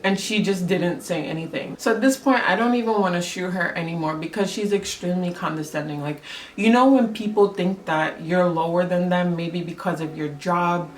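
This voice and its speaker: A woman's voice: lowish voice, normal speed, a little hiss or hum. A young woman telling a story about her work as a photographer in a casual, chatty way, full of "like" and "um". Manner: chatty, lots of "like" and "um", acts out quotes. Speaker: photographer vlogger. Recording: roomy echo with music underneath.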